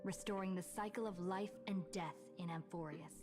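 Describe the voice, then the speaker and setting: A woman voicing a calm young woman who narrates a story recap in a video game, in a measured, steady way. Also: on the low side, close to an everyday voice. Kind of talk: scripted narration. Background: game music.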